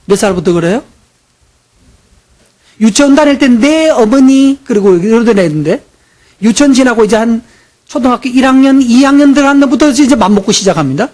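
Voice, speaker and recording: High-voiced male preacher telling a story. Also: animated, brisk, long pauses, a little mellow. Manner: storytelling, acts out voices, asks the congregation questions. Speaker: pastor. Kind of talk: sermon.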